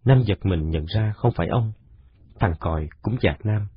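A man narrating a children's story in a steady, unhurried way. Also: on the low side, slightly rough, no room sound. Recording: dull lo-fi recording.

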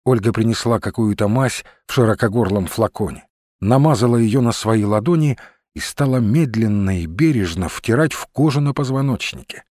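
A man reading a novel aloud in measured audiobook narration. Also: fairly low pitch, darkish tone, no room sound, clean studio sound. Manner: measured storytelling. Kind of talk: scripted narration.

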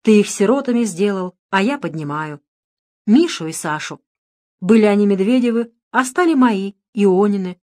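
A woman voicing a kindly, wise elderly male priest in an audiobook, gentle but firm and folksy. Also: mid-range voice, animated, normal speed, natural voice. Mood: earnest.

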